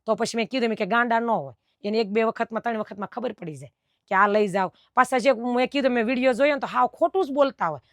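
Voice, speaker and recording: A woman's voice: fairly high pitch, fast, no room sound, studio quality. A middle-aged woman who runs a dress fabric shop, chatting at length to camera about fabric cuts and quoting her customers. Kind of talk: casual talk to camera explaining fabric cuts.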